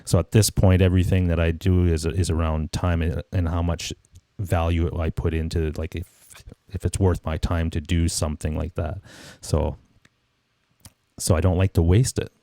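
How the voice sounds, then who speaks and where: With a low-pitched, level, mellow voice marked by vocal fry, this livestream host in his forties talks at normal speed in a dry space. He's easygoing and reflective, wandering through thoughts with frequent restarts and "you know"s.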